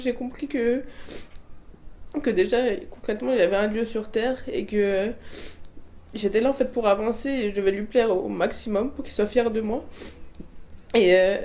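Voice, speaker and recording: Woman in her twenties, personal testimony, hesitant, many fillers, mellow, warm tone. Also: mid-range voice. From Portuguese family background. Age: 20s. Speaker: convert giving testimony. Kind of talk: personal testimony, answering prompts.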